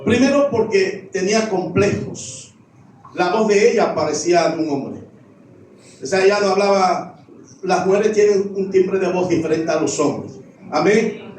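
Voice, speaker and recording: A man's voice: sits high, animated, unhurried, darkish tone, slight background noise. A middle-aged man, a pastor, preaching a sermon with repeated refrains. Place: church sanctuary. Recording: echoey church, voice from far off.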